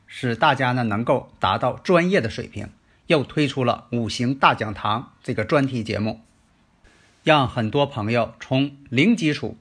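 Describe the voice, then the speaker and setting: A middle-aged or older man with a slightly husky voice, hosting a teaching show and addressing listeners in a didactic lecture style. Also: medium pitch, fairly bright tone. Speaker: host of a Chinese metaphysics teaching show. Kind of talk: spoken lecture and New Year address to listeners.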